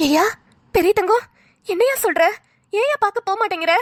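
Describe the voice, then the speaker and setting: Lady voicing a worried tamil mom in a cartoon, coaxing her son, voice way up high. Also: lively intonation, brisk, soft background music. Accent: Tamil Nadu colloquial Tamil. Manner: coaxing, motherly, calls son affectionately. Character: fussing worried mother-in-law, middle-aged woman.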